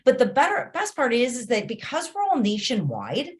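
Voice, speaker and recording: A woman's voice: fairly high pitch, wildly swooping pitch, normal speed. A woman hosting a casual group discussion on a video call, moderating as a realtor trainer.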